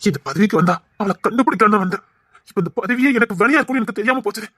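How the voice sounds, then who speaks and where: A woman's voice: medium pitch, expressive, rapid-fire, a bit bright, no echo, clean studio sound. A woman voicing a distraught young male official in an audio drama, with an anguished, pleading way of talking. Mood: despairing. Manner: anguished and pleading, near tears. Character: distraught young man, an official, trapped and desperate.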